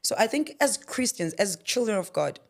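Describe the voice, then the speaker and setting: A guest author from South Africa, a woman in her thirties, speaks in a preacherly, phrase-repeating way during a faith-based interview. The studio setting has a yellow backdrop and a boom-arm mic. Her medium-pitched, creaky voice swings widely in pitch at normal speed.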